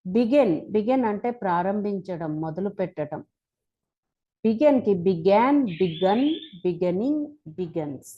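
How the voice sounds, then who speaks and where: Slow, deliberate Telugu woman teaching. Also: medium pitch, animated, highs cut off. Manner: spells out verb forms one by one, slow and deliberate. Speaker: English teacher. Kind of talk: slow spoken-English lesson.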